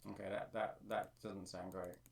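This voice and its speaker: A man's voice: sits low, little pitch movement, moderate pace, vocal fry, echoey room, recorded from a distance. A man on a live stream, thinking aloud as he explains how he edits his own vocal track. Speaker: streamer and amateur music producer. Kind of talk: live-stream tutorial talk.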